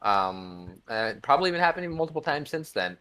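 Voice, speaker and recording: A man's voice: medium pitch, sing-song, a little fast, bright, forceful tone. A man from the United States in casual chat, rambling and profane with many fillers.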